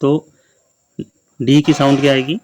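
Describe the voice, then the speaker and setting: A male teacher giving a slow, patient lesson on letters to young children, repeating each letter and word many times. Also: medium pitch, level tone, a little mellow, slight background noise.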